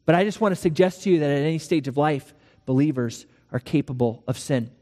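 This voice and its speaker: A man preaching a sermon, walking through a scripture passage and acting out the dialogue in lively storytelling. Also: a little high, fairly quick, in a large hall. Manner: animated storytelling with acted dialogue. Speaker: pastor.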